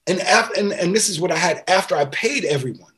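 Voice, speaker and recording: A man from New York, a guest musician, telling a story in casual chat with lively, repetitive phrasing and some swearing. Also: sits high, brisk. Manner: animated storyteller, repeats words, casual swearing.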